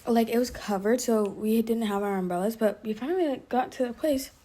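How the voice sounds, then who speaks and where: A young adult woman telling a story to her viewers in a casual, animated vlog, laughing often and filling her speech with "like". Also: on the high side, a little fast. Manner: animated, chatty, laughs often, heavy use of "like". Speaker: vlogger.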